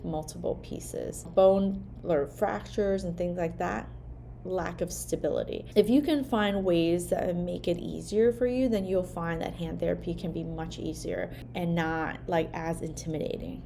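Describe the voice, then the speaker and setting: This woman, a native Vietnamese speaker working as a hand therapist, teaches in a relaxed, chatty way with frequent "like" and "right?" tags. Her voice is fairly low, mellow and touched with vocal fry, with a bit of background noise.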